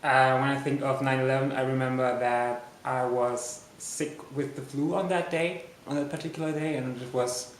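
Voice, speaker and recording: A man's voice: medium pitch, steady tone, a little hiss or hum. Young German man, echoey room. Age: 20s. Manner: halting, searching for words. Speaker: interviewee. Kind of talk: personal recollection.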